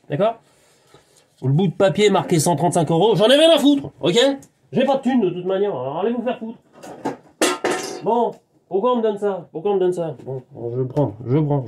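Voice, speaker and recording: A man hosting his own channel, rambling in a live monologue to the camera, excitable and digressive, talking to himself and swearing. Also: high-pitched, a little hiss or hum. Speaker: channel host.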